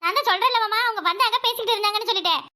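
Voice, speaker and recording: A very high, quick cartoon wife, voiced by a woman, in a Tirunelveli Tamil accent. She is young, wounded and reproachful, pleading with her husband and turning defiant. Her lines come in fast, squeaky bursts. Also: pushed and bright. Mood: hurt. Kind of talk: cartoon voice acting.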